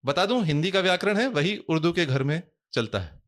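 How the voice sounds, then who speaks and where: A man speaking as a guest in a podcast interview, measured and explanatory, using formal, Sanskrit-heavy Hindi. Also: fairly high pitch, sing-song, fairly bright tone. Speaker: guest scholar.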